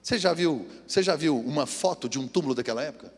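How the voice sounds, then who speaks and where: A man from Brazil, a pastor preaching an animated sermon and acting out quotes in high voices. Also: fast. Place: church hall. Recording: echoey hall with long reverb.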